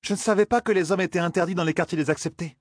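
A man voicing a high-spirited young noblewoman who talks gleefully. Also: very fast, no echo, studio quality. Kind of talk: audiobook character voice.

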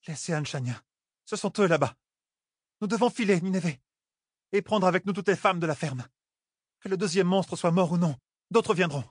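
A man's voice: high-pitched, no room sound, studio quality, pitched above the performer's own voice. A man voicing a firm young queen-to-be. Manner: firm, commanding, raised voice. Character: young woman, a proud determined queen-to-be.

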